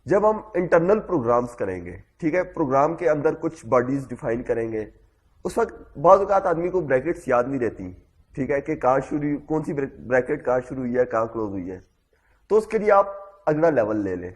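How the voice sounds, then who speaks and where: Lively man teaching code. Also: medium pitch. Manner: repeats "theek hai" constantly, explains step by step. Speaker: programming instructor. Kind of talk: classroom coding lecture.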